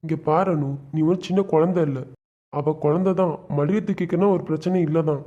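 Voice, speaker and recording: A man's voice: a little high, steady tone, a little fast, warm tone, lightly acted. A man voicing a stern but loving young husband in a cartoon, firm and lecturing. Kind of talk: cartoon web series voice acting. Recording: dull lo-fi sound.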